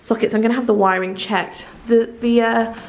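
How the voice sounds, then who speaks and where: A woman's voice: on the high side, steady tone, normal speed. A woman in her thirties giving a casual house-tour vlog, chatty and fond, with many ums and likes, filmed on a handheld camera at arm's length in a bare, empty house. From England. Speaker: vlogger.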